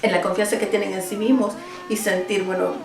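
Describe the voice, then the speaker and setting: A woman's voice: medium pitch, level tone, a little fast, faint music behind. A woman from El Salvador, a teacher, answering interview questions at home, earnest and thoughtful with small restarts. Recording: roomy, mic at a distance.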